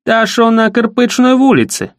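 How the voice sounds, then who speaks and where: A man voicing a hoarse, mocking young village bully with Ukrainian-mixed speech. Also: very high voice, sing-song, moderate pace, no echo, studio quality, pitched above the performer's own voice, full character voice. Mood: menacing. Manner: mocking, taunting village dialect.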